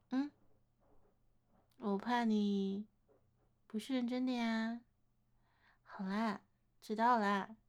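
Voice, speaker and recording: A woman's voice: a little high, fairly even intonation, drawn-out words, pauses often. A woman playing a teasing, doting older sister. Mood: teasing, coaxing. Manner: coaxing, playful teasing, gentle laughter. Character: teasing, affectionate older-sister woman wooed by a younger man. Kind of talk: one-sided romantic role-play audio.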